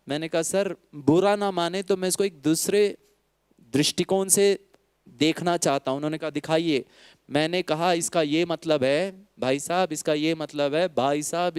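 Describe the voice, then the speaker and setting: Clear-voiced Indian man giving a spiritual talk. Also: a little high, dry recording, studio quality. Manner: mixes Hindi and English, mocking rhetorical questions, acts out quoted people. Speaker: spiritual speaker.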